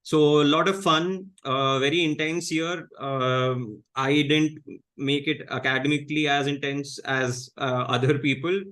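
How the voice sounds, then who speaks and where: A man in his thirties with an Indian English accent, a guest in a casual interview, talking in a measured, low-key way with many fillers and restarts. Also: steady tone, fairly bright tone. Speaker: guest comedian.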